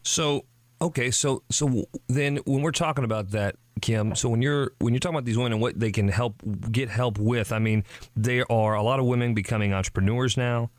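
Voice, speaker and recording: A man's voice: medium pitch, a little fast, dry recording. A man hosting a radio talk show, speaking in an enthusiastic, effusive manner.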